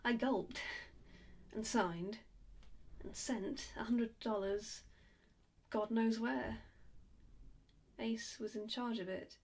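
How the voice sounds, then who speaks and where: A young woman, narrating her own strange story in a nervous, self-deprecating monologue with many halting fillers. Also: a little high, steady tone, a little mellow, slightly rough. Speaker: narrator and lead character. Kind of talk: first-person dramatic monologue.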